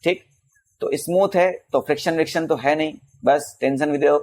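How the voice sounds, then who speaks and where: A male physics teacher solving exam questions in a casual Hindi lesson, calling students bhaiya and beta and reading English questions out slowly. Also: a little high, darkish tone.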